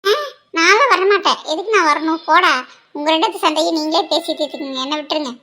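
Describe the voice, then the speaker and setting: A woman voicing a playful, sharp-tongued young woman in a cartoon, who teases and then whines when scolded. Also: high voice, fast talker. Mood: laughing off. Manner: teasing, coaxing, whiny when scolded. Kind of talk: cartoon voice acting.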